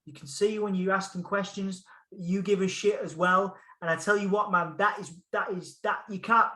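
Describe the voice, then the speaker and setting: A man's voice: high-pitched, fairly even intonation, normal speed, sharp tone, reverberant. A man with a Hull accent, chatting enthusiastically as a podcast guest over a call, often repeating phrases for emphasis. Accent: Hull English. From Hull, England. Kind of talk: casual interview chat.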